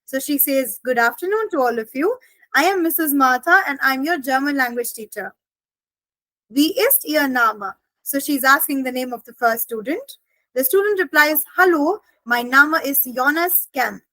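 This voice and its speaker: A woman teaching a German lesson, explaining each phrase step by step and slowing down for the German examples. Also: high voice, lively intonation, sharp tone, dry recording, rough recording.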